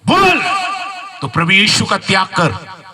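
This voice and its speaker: A man preaching in Hindi acts out a cruel male army commander who barks orders and shouts. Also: high-pitched, huge pitch swings, slow pace, distant mic, crowd noise, full character voice. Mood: taunting.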